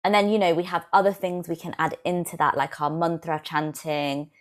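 Low-pitched yoga teacher lady from england, calm and explaining things, podcast chat. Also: moderate pace. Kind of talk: podcast interview.

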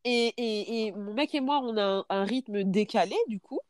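A woman's voice: mid-range voice, normal speed, no room sound, clean studio sound. A woman in her thirties in casual podcast chat, hesitant and thinking aloud as she talks. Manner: hesitant, many fillers and restarts while thinking aloud. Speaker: podcast host parent.

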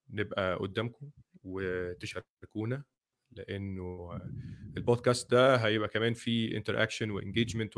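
Egyptian arabic guy hosting a chatty podcast, talks really fast, drops english words in. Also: lowish voice. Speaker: podcast host. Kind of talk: casual podcast chat.

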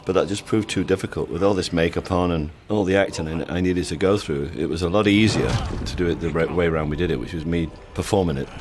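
A man's voice: low-pitched, quick pace, few pauses, background noise. A man actor giving film commentary, telling candid anecdotes about the shoot.

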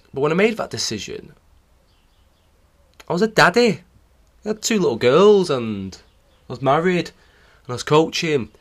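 A man, a cycling coach telling stories animatedly on a solo podcast. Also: medium pitch. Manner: animated storytelling, acting out remembered exchanges.

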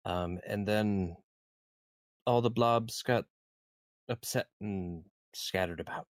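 A man's voice: fairly low pitch, slow pace, dry recording, studio quality. A man playing a tabletop game, describing his character's moves in a playful way. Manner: playful, laughing often between in-character choices. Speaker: player.

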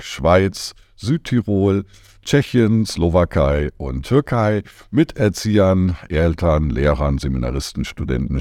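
Middle-aged male guest, very low dark voice, dry close mic, thoughtful and halting. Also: no room sound. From Germany. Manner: thoughtful, many fillers and list-like explanations. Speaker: guest, media education consultant. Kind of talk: conversational podcast interview.

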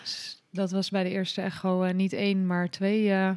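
A woman speaking as an interview guest and recounting her story in a relaxed, unscripted way. She pitches her voice at a middle height and keeps her delivery candid, stopping often to search for words. Her manner stays plain and open. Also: moderate pace, clear, resonant tone. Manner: hesitant, with frequent filler sounds and restarts; candid, laughs easily. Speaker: podcast guest. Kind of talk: casual personal storytelling in an interview.

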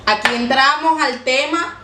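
High-voiced Venezuelan woman, crude and playful. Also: a little slow. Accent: Venezuelan Spanish. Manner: playful and crude, full of slang, slips into mocking character voices. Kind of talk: casual chat. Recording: echoey room with faint noise.

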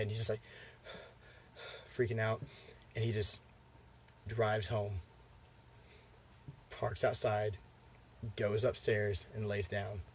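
A man's voice: lowish voice, a little hiss or hum. A man with a congested throat hosting a podcast, telling movie plots in a rambling, profane way with lots of fillers. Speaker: podcast host. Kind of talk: casual chat, storytelling.

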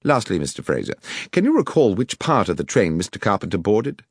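A man voicing a shrewd, commanding gentleman detective who speaks formally and precisely, with dry irony. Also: on the low side, wildly swooping pitch, brisk, husky, no room sound, heavily acted. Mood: courteous, probing. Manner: precise, formal, dryly ironic questioning.

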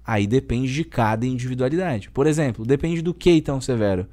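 A Gaúcho-accented personal trainer in his thirties speaks fairly quickly at medium pitch as a podcast guest. The chat is informal, and his delivery is animated and emphatic, with frequent uses of "velho."

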